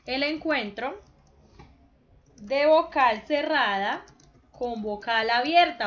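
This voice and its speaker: Slow, bright-voiced woman teacher. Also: fairly high pitch, muffled recording. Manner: slow, patient explaining. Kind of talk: online grammar lesson for children.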